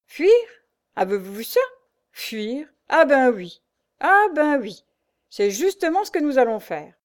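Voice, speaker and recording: A gruff old ship's master grumbles and mutters through his teeth, as a woman reading the story puts him on. His voice rises above her narration. He sounds crusty and blunt. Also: high voice, sing-song, unhurried, pitched above the performer's own voice. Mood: grumbling.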